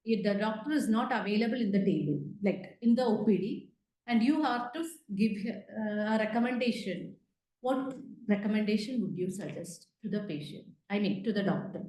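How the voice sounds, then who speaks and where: In an interactive online medical lecture held indoors over video call, a woman quizzes her students as she teaches. She speaks at a moderate pace in a mellow, mid-range voice with lively intonation, and the sound is echoey and roomy.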